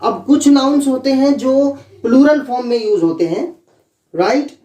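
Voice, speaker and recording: A man teaching as an online English tutor, dictating example sentences slowly and checking in with his students often. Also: extremely high pitch, animated, mellow. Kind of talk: explanatory online lesson. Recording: echoey room, distant mic.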